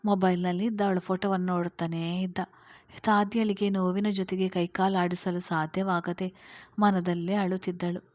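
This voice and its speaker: A woman storyteller reading a serialized family novel aloud with steady, expressive narration. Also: fairly low pitch, moderate pace.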